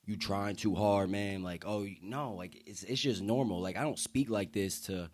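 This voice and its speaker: This deep-voiced young man from the US is a podcast guest, speaking with earnest emphasis in relaxed, slang-heavy talk. He keeps a moderate pace and a darkish tone.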